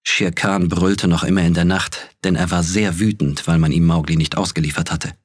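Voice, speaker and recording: A male narrator reads a storybook in a calm, measured way. His voice is very deep with a husky edge. The recording is dry and close to the mic. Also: dry recording. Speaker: audiobook narrator. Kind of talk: scripted narration.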